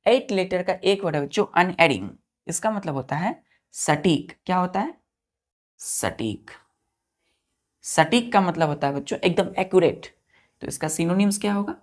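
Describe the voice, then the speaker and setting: A woman's voice: on the low side, animated, normal speed. A woman teacher giving a vocabulary lesson, spelling words letter by letter and asking her students questions that she answers herself. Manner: addresses students as children, asks and answers own questions.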